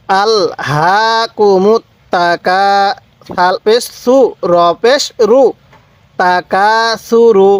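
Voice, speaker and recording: A man from Bangladesh, teaching Quran recitation step by step, drawing out each syllable slowly and then explaining briskly. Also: high-pitched, no echo. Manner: slow drawn-out recitation between brisk explanations.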